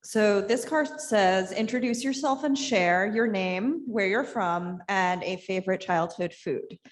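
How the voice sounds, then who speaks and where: A woman's voice: mid-range voice, a little slow. A woman from Long Island, a food writer introducing herself on a panel in a friendly, laughing manner, repeating words as she talks. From Long Island, New York. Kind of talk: casual panel answer.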